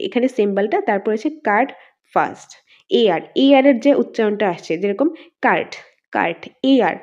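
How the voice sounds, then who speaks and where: A woman with a Bengali accent teaches an exam-prep lesson in a fairly high, mellow voice. She keeps asking questions and answering them herself. The recording sounds dull and lo-fi. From northeast India.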